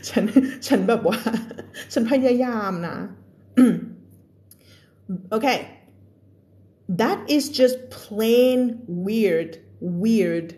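A woman's voice: a little high, extremely slow, pauses often, darkish tone. A young woman teaching English in a casual live stream, chatting and laughing with viewers between storybook passages.

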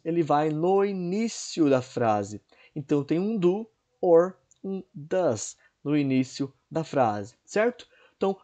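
Mellow-voiced man teaching English grammar. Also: on the high side. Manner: explanatory, repeats checks like "certo?" and "né?"; clears throat now and then. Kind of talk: recorded online lesson.

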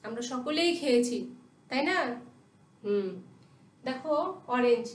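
A woman's voice: a little high, a little hiss or hum. A woman teaching a primary class, spelling English words letter by letter and asking her pupils questions she answers herself. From Bangladesh. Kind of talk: recorded classroom lesson. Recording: echoey room, voice from a distance.

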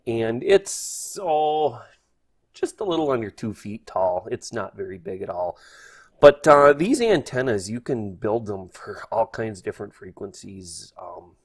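Speaking a little slowly with big pitch swings, this hobbyist instructor hosts a casual screen tutorial in a lowish, husky voice. He thinks out loud, hesitant and folksy.

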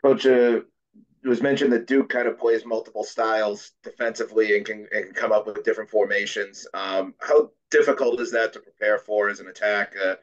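A man reporter asks a halting two-part question in a low, flat voice. His audio is dull and lo-fi, as if it were coming through a weak call line. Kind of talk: press conference questions.

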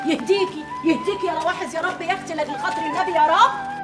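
An actress with an Egyptian accent playing an older woman who calms and placates others in a TV drama. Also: very high-pitched, very fast, music in the background, crowd noise. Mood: placating. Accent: Egyptian Arabic. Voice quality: coaxing, placating. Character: soothing older peacemaker woman. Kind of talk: TV drama acting.

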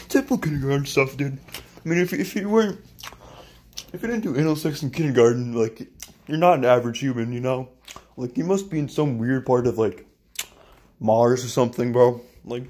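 A man's voice: mid-range voice, expressive, moderate pace, pauses often, darkish tone, slight background noise. A young man rambling crudely in a casual home vlog while he cooks in his kitchen, swearing often and mumbling offhand. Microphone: phone camera held and moved around.

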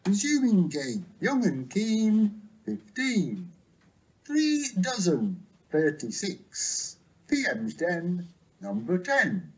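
A bingo caller announcing numbers with traditional rhymes, each rhyme followed by the number in a lower, falling tone. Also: huge pitch swings, drawn-out words, a little mellow, husky, low-quality recording.

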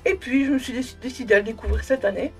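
A young woman giving a casual, effusive book review to camera at home, in a halting way that often repeats words. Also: a little high, gravelly, soft background music. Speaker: book vlogger. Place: small room at home with bookshelves.

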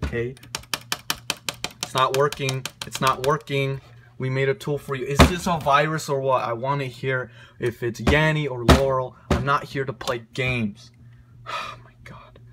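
A man rants in a slow, drawn-out way, exasperated and swearing constantly. His mock outrage comes through a noisy home recording full of clicks. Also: mid-range voice, steady tone. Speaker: online video ranter. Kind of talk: profane comedic rant.

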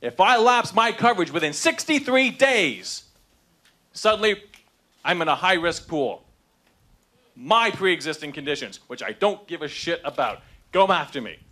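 Speaking at a moderate pace in a fairly high, sing-song voice with a bright, forceful tone, a man in his thirties confronts his congressman at a packed indoor town hall. He talks angrily into a handheld microphone, his impassioned speech building in emotion.

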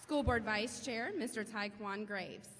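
A woman school principal giving a formal ceremony address at a podium, reading names in a measured way. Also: medium pitch, fairly bright tone, a little hiss or hum. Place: large school gymnasium. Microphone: podium microphone through hall speakers. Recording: echoey gym from far off.

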